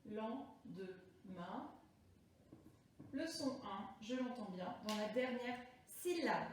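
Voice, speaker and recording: A high-voiced woman teaching a remote lesson to small children, stretching each word out slowly and carefully. She sounds set back from the mic, in a strongly echoing room with faint noise in the background. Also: lively intonation. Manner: slow, deliberate, stretching out words for children. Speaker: primary school teacher. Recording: echoey room, voice from a distance.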